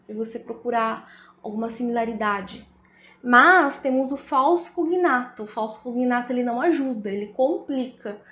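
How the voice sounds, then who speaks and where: A woman's voice: a little high, fairly bright tone, a little hiss or hum. A woman with a Brazilian Portuguese accent, explaining a language lesson in a casual way and often checking in with her listeners. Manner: explains slowly, often adds "né?" and "tá?". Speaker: English teacher. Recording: echoey room, slightly dull audio.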